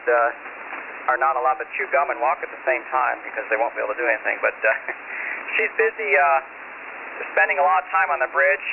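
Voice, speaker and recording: An older man talks casually over a marine radio style net. His voice is heavily creaky, and the two-way link is tinny and narrow with steady noise. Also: medium pitch. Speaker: amateur radio operator checking in.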